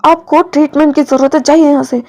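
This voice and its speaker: A woman's voice: high-pitched, fairly even intonation, brisk, darkish tone, voice pushed up. A woman voicing a brave young male commando who speaks urgently and pleads with his partner.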